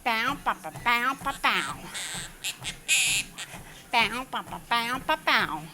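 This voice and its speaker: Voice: mid-range voice, animated, takes it slowly, noisy background. A pet Quaker parrot mimicking human speech in a squawky parrot voice, chattering short, repetitive phrases and snatches of song.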